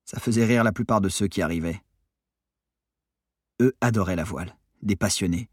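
Low husky male audiobook narrator. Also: normal speed, no room sound, studio quality.

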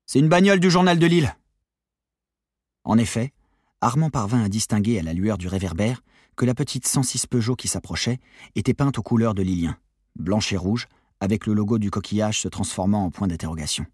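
Audiobook reader, man, lowish husky voice, dry close sound, steady. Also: fairly quick, no echo. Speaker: audiobook narrator. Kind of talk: scripted novel narration.

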